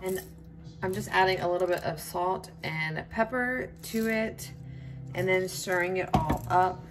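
A young woman, chatting casually as she cooks in her home kitchen, with plenty of ums and a relaxed, unhurried way of talking. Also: fairly low pitch, loud music behind the voice. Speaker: home cook vlogger. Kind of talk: casual cook-along narration.

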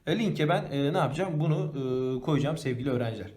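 A man with a fairly high voice teaching a primary school grammar lesson. He puts a question to the class and then answers it himself. He slows down to read each example sentence aloud. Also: expressive, darkish tone. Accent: Turkish.

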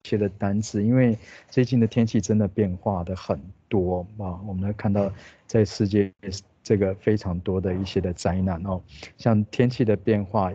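A man with a Taiwanese Mandarin accent teaching an English grammar lesson, explaining patiently and repeating English words slowly. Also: on the low side, warm tone, breathy edge, highs cut off.

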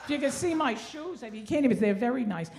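A woman in her sixties performs stand-up comedy on an indoor theatre stage, kvetching wryly and self-deprecatingly with a Yiddish inflection into a handheld stage mic. Her voice is a little high and darkish, with lively intonation and a fast pace, and live stage ambience with clear noise surrounds it.

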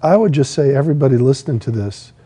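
A man's voice: medium pitch, lively intonation, fast talker, warm tone, husky. A man on a TV panel, reassuring and speaking directly to viewers. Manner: reassuring, addresses the audience directly. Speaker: panel guest. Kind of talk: panel discussion on a TV talk show. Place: TV studio set.

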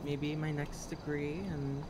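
A breezy young fashion graduate played by a woman, casual and quick to defend herself. Her voice is low for a woman, and a loud crowd hum runs behind her. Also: monotone.

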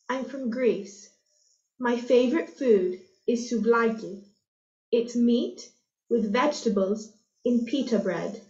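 A woman narrating a course-book listening text, reading slowly and clearly for learners. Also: a little high, a little mellow, echoey room, lo-fi sound. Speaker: textbook audio narrator. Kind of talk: scripted narration.

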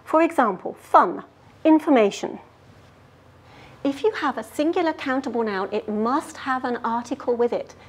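A woman playing an earnest lady grammar detective who explains rules clearly and patiently. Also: high-pitched, normal speed. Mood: explaining. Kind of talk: scripted grammar lesson skit.

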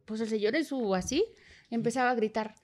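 A woman's voice: fairly high pitch, brisk. A woman in her forties with a Mexican accent, telling stories animatedly in a casual podcast chat. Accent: Mexican Spanish. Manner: animated storytelling.

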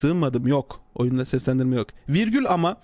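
A man live-streaming, reading out a developer's comment and answering it in a sarcastic, mocking way, his voice swinging from low mutters to high exclamations. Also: animated, normal speed, a little mellow, dry recording. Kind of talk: casual live-stream talk.

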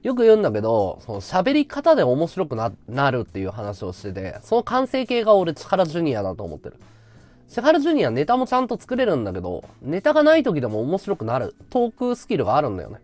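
Soft music plays behind a man whose quick, slightly mellow voice sits high and swoops wildly in pitch. He's hosting an easygoing livestream, talking freely and reacting with thanks whenever viewers send gifts.

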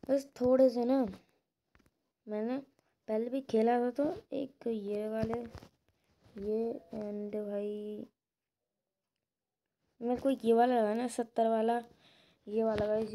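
A woman gaming video creator offers casual, chatty gameplay commentary, talking to viewers like friends. Her voice is a little high with a dark tone, captured in a very noisy phone recording with clicks.

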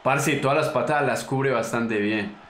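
A young Colombian man commenting casually on his own fighting game, slangy and excitable, taunting his opponent and yelping at big moments. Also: mid-range voice, normal speed, roomy sound. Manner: excitable, slangy, talks to the opponent, bursts into yelps. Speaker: gaming channel host.

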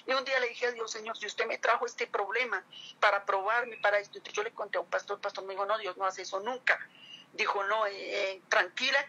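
A woman's voice: medium pitch, bright, forceful tone, dull audio, slight background noise. A middle-aged woman giving an earnest, emotional religious testimony to a pastor, addressing him again and again as she speaks.

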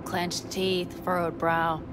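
A woman's voice: fairly low pitch, little pitch movement, slow pace, fairly bright tone, slight background noise. A woman voicing a tough young nomad fighter in video game dialogue, blunt, swearing and teasing, over game music. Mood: wry.

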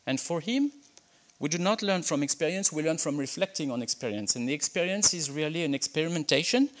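A middle-aged Frenchman with a French accent delivers a conference keynote with slides, speaking into a podium microphone in a lecture hall. He talks hesitantly, with many fillers and restarts, in a fairly bright, higher-pitched voice that is animated and a little fast.

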